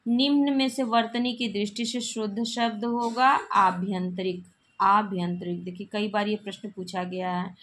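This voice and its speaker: A medium-pitched female teacher tackles exam-prep spelling questions in Hindi, reading every question aloud and then explaining the correct form. She restates the right answers in a plain way.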